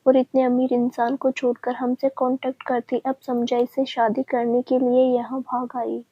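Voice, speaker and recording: A woman reading the lines of a blunt, mocking young man in a family story, with a husky voice. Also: sits high, normal speed. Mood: accusing. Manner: accusing, calm and cutting. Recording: dry, dull lo-fi sound.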